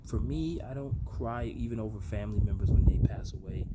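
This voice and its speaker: An American vlogger in his backyard gives a casual motivational monologue, speaking earnestly and reflectively to his viewers in a lowish voice at a brisk pace. The amateur recording is noisy with ambient sound.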